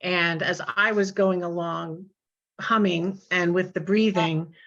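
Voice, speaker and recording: A woman taking part in an art workshop, sharing her thoughts in a measured way. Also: on the low side, steady tone, a bit bright, dull audio. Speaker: workshop participant. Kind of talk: casual group discussion.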